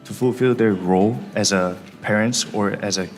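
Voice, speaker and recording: A man's voice: fairly low pitch, fairly even intonation, moderate pace. A young man from South Korea speaking English as a student, hesitant and full of "like". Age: young adult. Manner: hesitant, fills with "like". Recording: reverberant lecture hall with background music.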